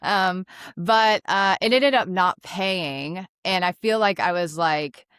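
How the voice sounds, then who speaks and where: A woman's voice: lowish voice, slow, a bit bright, clean tone, dry recording, clean studio sound. A woman host chatting casually in an interview, laughing often and leaning on fillers as she talks. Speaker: interviewer and actress.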